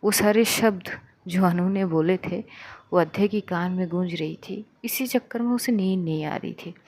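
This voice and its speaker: A woman's voice: lowish voice, normal speed, darkish tone. A woman retelling a romance story in a loose, conversational way, with casual fillers.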